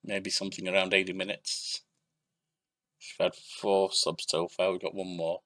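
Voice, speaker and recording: A man's voice: low-pitched, flat delivery, moderate pace, fairly bright tone. A young adult man giving casual let's-play commentary, narrating match action in short bursts and thinking aloud. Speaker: gaming YouTuber.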